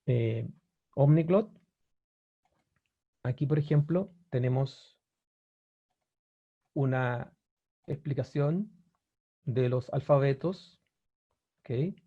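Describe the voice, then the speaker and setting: Through narrow, tinny audio comes a medium-pitched man with a breathy edge who draws out his words and pauses often. He is a language teacher presenting a webinar about language-learning websites at an easy pace, with plenty of fillers and restarts, often checking in with viewers.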